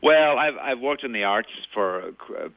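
A man's voice: mid-range voice, expressive, moderate pace, no echo. A middle-aged man with a Donegal Irish accent being interviewed, hesitant and often repeating the starts of his words. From County Donegal, Ireland. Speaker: arts manager, interview guest. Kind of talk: radio phone interview. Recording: muffled, tinny phone line.

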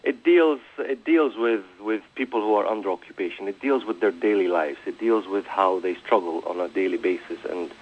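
Earnest Palestinian man, low voice. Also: normal speed, few pauses, narrow, tinny audio. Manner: earnest, passionate, many restarts. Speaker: guest, event organiser. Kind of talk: radio interview.

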